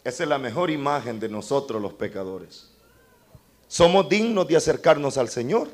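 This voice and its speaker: A man's voice: sing-song, moderate pace. A man preaching a sermon, impassioned, speaking directly to the congregation as brother and breaking into humorous asides. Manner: impassioned, with sudden leaps to high cries and humorous asides.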